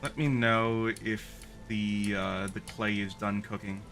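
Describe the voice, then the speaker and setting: Dry-humored man with a bright voice. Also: on the low side, takes it slowly, faint music behind. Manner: dry, deadpan jokes. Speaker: guest streamer. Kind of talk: casual gaming chat.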